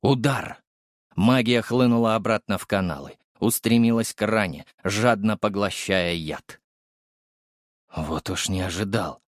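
A man narrating an audiobook in the first person, with expressive delivery. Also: on the low side, dry recording, clean studio sound.

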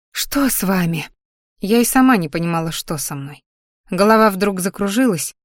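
A woman narrating a first-person fantasy audiobook with an expressive, emotional delivery. Her voice sits at a middling pitch. The recording is dry and close. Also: no room sound.

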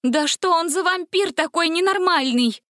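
A woman's voice: animated, moderate pace, no room sound, studio quality. A woman voicing a frightened but feisty young girl held prisoner in a storybook. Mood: desperate. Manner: high, pleading, exasperated.

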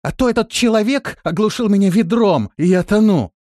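A male narrator voices a sharp-tongued female water spirit. She shouts in a high, strained voice, loud and angry. It is a dry, close audiobook recording. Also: big pitch swings, normal speed, dry recording. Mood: shouting. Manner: shrill, shouting.

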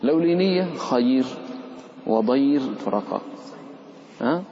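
A man teaching Quran recitation rules to a live class. He explains each rule, chants the verses he gives as examples, and quizzes and teases his students. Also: slow. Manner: lively, questions and teases the students. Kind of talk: live tajweed lesson. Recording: echoey hall, dull low-fi sound.

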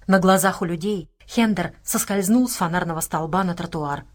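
A woman reading an audiobook as its narrator, in a steady, measured way with dramatic stresses. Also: on the low side. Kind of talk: scripted narration.

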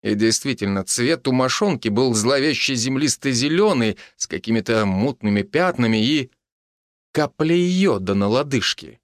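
A man narrating a scripted story with expressive, dramatic delivery. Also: mid-range voice, moderate pace, no room sound, clean studio sound.

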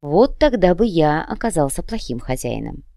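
A woman's voice: deep voice, very animated, normal speed, gravelly, dark tone, no room sound, studio quality, full character voice. A woman voicing a polite but menacing male demon commissar who threatens in a cold, courteous way. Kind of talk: audiobook character reading.

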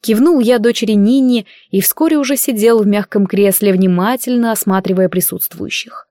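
Woman, audiobook narrator, mid pitch, dry close sound, steady storytelling. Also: normal speed, no room sound. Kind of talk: scripted narration.

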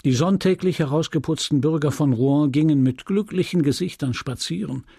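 A man narrating a classic novel with a gravelly, husky voice, measured and expressive. The studio recording is close and dry, with no room sound. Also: a little high, no echo. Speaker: audiobook narrator. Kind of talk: literary audiobook reading.

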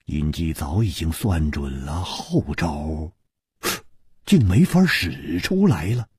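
A man telling a traditional tale in a husky, grainy voice that swoops between high and low. His narration is dramatic and rises and falls constantly. The sound is close and dry, with no room around it. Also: very animated, slow pace, darkish tone, no room sound. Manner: dramatic, rising and falling delivery. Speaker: storyteller. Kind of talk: traditional Chinese storytelling narration.

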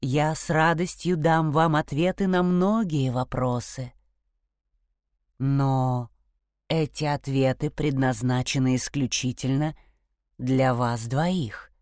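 Woman doing a deep solemn magical stag. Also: steady tone, darkish tone, no echo, clean studio sound. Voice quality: low, slow, grave.

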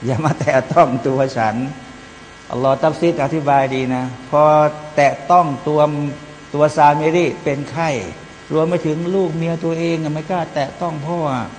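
A man's voice: fairly high pitch, fairly even intonation, moderate pace, a little mellow. A man preaching a Quran commentary, chanting Arabic verses between plain explanations and addressing his listeners as brothers and sisters. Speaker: Islamic preacher. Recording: long hall reverb, faint mains hum.

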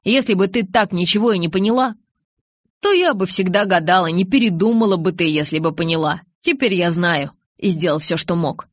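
Женщина читает раненого парня, низковато. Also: female voice, fairly low pitch, brisk, no echo, studio quality, close to an everyday voice. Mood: thoughtful. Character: young man, wounded, hurt but teasing friend. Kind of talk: audiobook reading.

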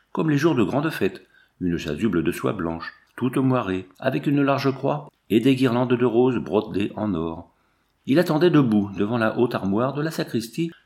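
A man narrating a story aloud at a measured, even pace. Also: mid-range voice, vocal fry. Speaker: audiobook narrator.

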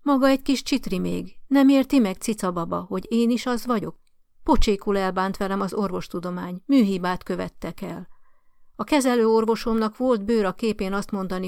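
A woman's voice: mid-range voice, vocal fry, a little mellow, no room sound, clean studio sound, close to an everyday voice. A woman voicing a dying, indignant ninety-four-year-old woman who gasps for breath and scolds and demands in a raised, short-winded voice. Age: older.

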